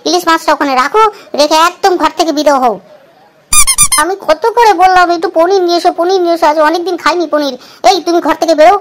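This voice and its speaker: A shrill cartoon housewife who nags and scolds without pause, as an actress plays her. Her voice sits very high and races along at top speed. She sounds sharp and fed up. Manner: scolding, nagging. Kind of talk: cartoon voice acting.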